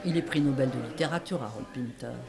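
A woman's voice: rumbling low, fast, creaky, dark tone. An actress playing a stubborn, defensive and self-blaming woman in a stage-play dialogue, with emphatic, protesting repetition. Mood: stubborn, scolding.

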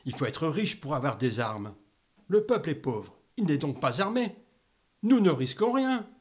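A man's voice: on the high side, very animated, moderate pace. A man playing a pampered, petulant, childish king in a comic sketch, sing-song and capricious. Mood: whiny.

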